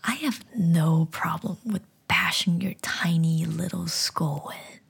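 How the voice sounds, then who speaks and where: A woman voicing a menacing violent father in a hushed whisper, gravelly and breathy. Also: fairly low pitch, slow pace, full character voice. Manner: whispered, snarling.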